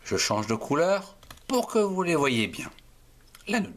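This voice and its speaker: A man's voice: on the high side, big pitch swings, measured pace. A man with a French accent teaching handwriting, spelling out words letter by letter and sounding out each syllable. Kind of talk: slow spelled-out handwriting lesson.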